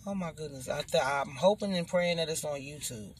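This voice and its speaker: A man co-hosting a casual podcast chat, relaxed and agreeable. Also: a little high, fairly quick, a little hiss or hum. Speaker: podcast co-host.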